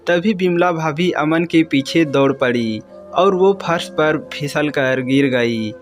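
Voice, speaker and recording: A man narrating a scripted moral story in a calm, measured way. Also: a little high, faint music behind.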